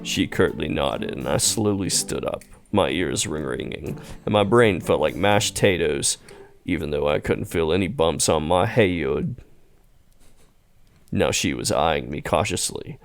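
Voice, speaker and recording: A man's voice: very deep voice, animated, creaky. A young man playfully reading game narration aloud while streaming. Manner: playful, quick to laugh.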